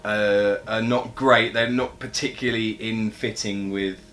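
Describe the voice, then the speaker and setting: A man's voice: lowish voice, fairly even intonation, a little slow, a bit bright. A young man co-hosting a casual gaming chat, laid-back and agreeable with a dry manner. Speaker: co-host of gaming chat show.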